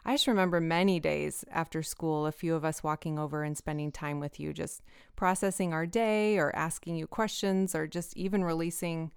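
A woman in her forties hosts a casual interview with a very smooth, resonant voice. She speaks warmly and gratefully to her guest. The recording is dry and close, with no room sound. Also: low-pitched, moderate pace, dry recording. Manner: warm, grateful, laughing often. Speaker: podcast host.

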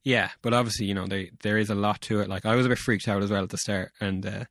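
A man's voice: fairly low pitch, steady tone, quick pace, a bit bright, no echo, clean studio sound. A young man with a West of Ireland accent chatting casually in a rambling, informal way, full of filler phrases. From County Mayo, Ireland. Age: young adult. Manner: rambling, informal, peppered with 'like' and 'you know'. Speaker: guest, bass player. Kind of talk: casual chat.

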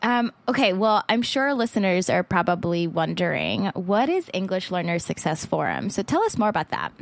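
A podcast host from the Philippines with a fairly low voice, chatting warmly with her guest. She talks in a loose, enthusiastic way, full of "like" and "um". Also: huge pitch swings, normal speed, gravelly, no echo. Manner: enthusiastic, filler-heavy with frequent "like" and "um". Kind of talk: casual interview chat.

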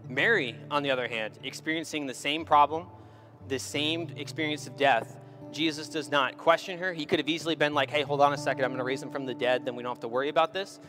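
Man preaching casually, soft guitar behind. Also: fairly high pitch, steady tone, fast talker. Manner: conversational, retelling scripture with frequent "right?". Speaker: pastor. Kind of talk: sermon.

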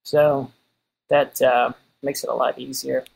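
Mid-pitched male guest from Kansas City, dry easygoing humor. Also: flat delivery, unhurried, vocal fry, a little mellow, breathy edge, low-quality recording. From Kansas City, United States. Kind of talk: casual conversation.

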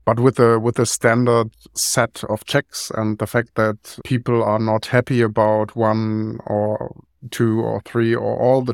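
A male podcast guest who talks in a flat, low, even tone. He explains carefully and thoughtfully, repeating words as he goes. The recording is dry and close. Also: clear, resonant tone, no room sound. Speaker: podcast guest, software tool creator. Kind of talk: conversational explanation.

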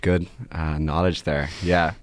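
An Irish startup CEO in his 20s, a man, chats casually as a podcast guest in an interview, rambling and filling his sentences with "like." His voice is rumbling low, level in tone and slow. The recording is dry.

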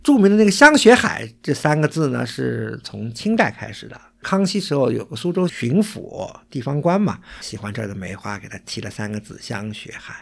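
Gravelly, husky man from Suzhou. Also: medium pitch, sing-song, a little fast, hardly any pauses, fairly bright tone. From Suzhou, China. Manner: explains place names and history in detail. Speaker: co-host. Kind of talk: casual cultural chat.

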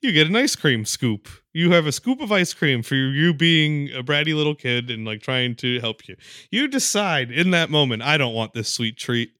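A man co-hosting a podcast, laughing often as he excitedly retells movie scenes in casual chat. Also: fairly high pitch, moderate pace, no echo, clean studio sound. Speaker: podcast co-host.

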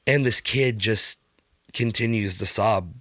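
A man co-hosting a podcast, telling a story in casual chat, with a halting, hesitant delivery full of fillers. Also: lowish voice, a bit bright, dry recording, clean studio sound. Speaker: podcast co-host.

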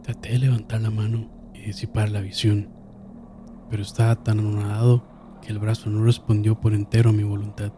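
A man narrating a horror story in a slow, solemn manner, dropping to a hush and swelling again. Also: fairly low pitch, monotone, background noise. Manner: slow, solemn, with hushed drops and sudden swells. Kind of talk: dramatic horror story reading.

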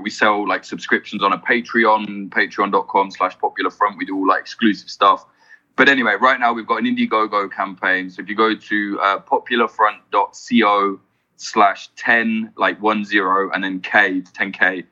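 A man's voice: lowish voice, bright, forceful tone, dull audio. A man talking as a podcast guest, blunt and swearing freely in casual interview chat. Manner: blunt, swears freely, fast run-on explaining.

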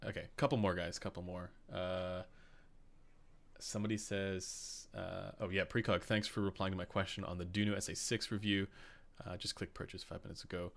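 A Canadian man with a very low, gravelly voice chats casually on a live stream. His tone is bright and forward. He rambles, restarts, and fills pauses with ums while reading viewer questions. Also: flat delivery. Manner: rambling, many fillers and restarts, reads chat questions aloud. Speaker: host.

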